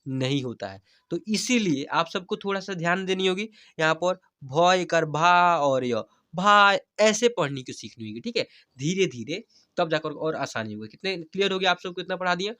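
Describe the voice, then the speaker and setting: A man teaching a Hindi reading lesson, spelling each word slowly syllable by syllable and then saying it whole, often checking in with his students. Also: sits high, expressive, fairly bright tone. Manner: coaxing, checks in with "theek hai?".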